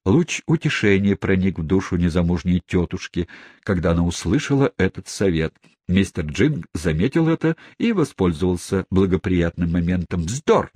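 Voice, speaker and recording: Low husky guy reading an audiobook, steady, dry close sound. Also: moderate pace, dry recording. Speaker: audiobook reader. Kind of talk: scripted audiobook narration.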